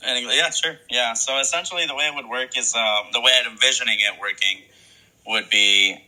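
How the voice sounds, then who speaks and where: A man's voice: medium pitch, moderate pace, bright, forceful tone, rough recording. A man appearing as a guest in a casual online chat, explaining things in a friendly way with many fillers. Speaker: guest co-host.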